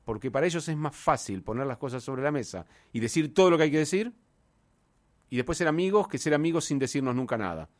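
A man with a Rioplatense Argentine accent chatting casually, telling anecdotes and dropping into quoted voices, often lowering his voice for asides. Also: expressive, fast talker. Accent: Rioplatense Spanish. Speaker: conversation partner. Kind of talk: casual chat.

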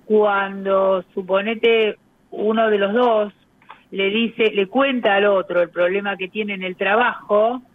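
A woman talks through a tinny, phone-like line as a radio guest. Her voice sits at a middling pitch. She explains step by step, often hesitating with filler sounds. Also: steady tone, slow pace, slight background noise. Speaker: communication specialist guest.

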